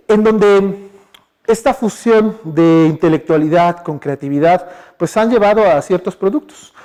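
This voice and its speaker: A man's voice: high-pitched, darkish tone. Chatty Mexican man giving a science talk. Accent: Mexican Spanish. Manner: chatty, asks the audience questions, many fillers. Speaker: guest speaker. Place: university lecture hall.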